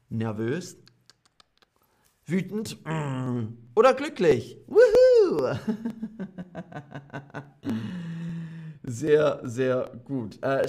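A man teaching a German lesson on a live stream, repeating example sentences slowly and carefully and answering viewer comments. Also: medium pitch. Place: streaming setup, indoors.

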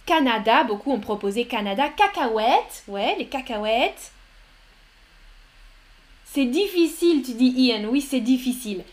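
A woman's voice: sits high, expressive, measured pace. A woman hosting a live word game as a teacher, reading out chat answers and cheering viewers on. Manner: upbeat, encouraging, reads chat names aloud.

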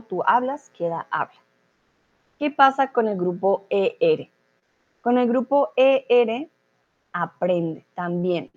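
Slow, patient woman teaching Spanish. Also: medium pitch, lo-fi sound. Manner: patient, explanatory, checks in with "¿vale?". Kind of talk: online grammar lesson.

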